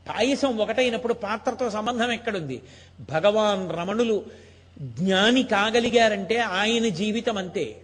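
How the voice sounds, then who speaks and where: High-voiced man giving a devotional discourse. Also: breathy edge. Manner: emphatic storytelling, rhetorical questions. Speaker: spiritual discourse speaker. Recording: long hall reverb.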